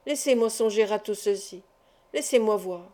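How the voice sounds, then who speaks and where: A woman's voice: mid-range voice, normal speed, dark tone, natural voice. A woman voicing a composed, self-assured older male doctor who reassures a young man, in a read-aloud novel. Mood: reassuring.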